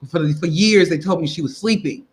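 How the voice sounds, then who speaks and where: A woman guest in casual chat, telling a personal story in an animated, expressive, folksy way. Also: lowish voice, fairly quick, low-quality recording. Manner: folksy, conversational.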